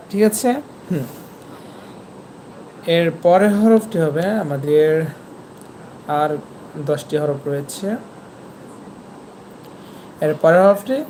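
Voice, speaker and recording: A Quran teacher giving an online lesson, patiently explaining where each letter is pronounced and repeating the sounds slowly, over a video call. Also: mid-range voice, darkish tone, a little hiss or hum.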